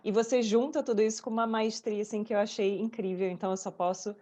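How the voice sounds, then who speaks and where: A Brazilian woman hosting an interview, speaking in a warm, effusive way and openly moved. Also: medium pitch, steady tone, fast. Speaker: interview host. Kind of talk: casual interview chat.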